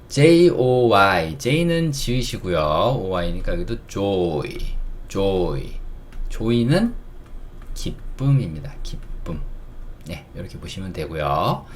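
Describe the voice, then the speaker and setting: Man, low voice, lively up-and-down delivery, phonics lesson, slow letter-by-letter spelling, faint hum behind. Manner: spells letters slowly, explains with everyday examples. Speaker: English teacher.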